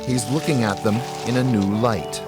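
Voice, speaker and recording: A man's voice: medium pitch, moderate pace, over loud music. A man narrating a nature documentary from a script.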